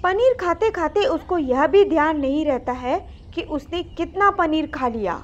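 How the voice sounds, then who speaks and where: A woman narrating a children's moral story in a gentle, simple storytelling manner. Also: sits high, animated, measured pace. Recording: slightly muffled recording.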